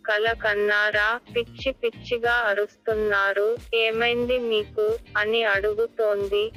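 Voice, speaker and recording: A woman reading a first-person life story aloud as scripted narration, in a steady, even way. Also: a little high, poor audio.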